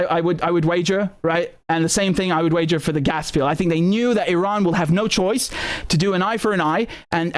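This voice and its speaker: This live-stream host is a man with a high voice who riffs on the news. He's loose, lively and sarcastic, often doubling up his words and cursing.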